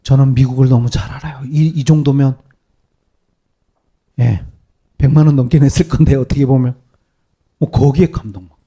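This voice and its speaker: A male pastor preaching a sermon to his congregation, animated and peppering them with rhetorical questions. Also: mid-range voice, moderate pace, long pauses, breathy edge. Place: church service.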